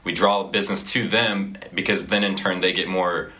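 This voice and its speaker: Young Oklahoma man, student entrepreneur, deep and bright voice, easygoing explainer. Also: moderate pace. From Oklahoma, USA. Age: young adult. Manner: relaxed, explanatory, with fillers. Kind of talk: casual interview answers.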